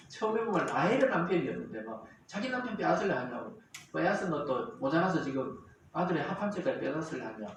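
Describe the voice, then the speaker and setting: Animated pastor in a very echoey church. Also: male voice, high-pitched. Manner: animated, acts out quarrels in character voices. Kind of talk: sermon. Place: church sanctuary. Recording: very echoey hall, distant mic, faint noise.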